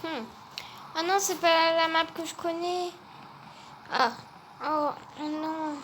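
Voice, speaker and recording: Woman gamer, high voice, slow easy pace, noisy hiss behind. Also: fairly even intonation, a bit bright. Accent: non-native English. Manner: unhurried, muttering asides to herself. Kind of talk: casual gameplay commentary.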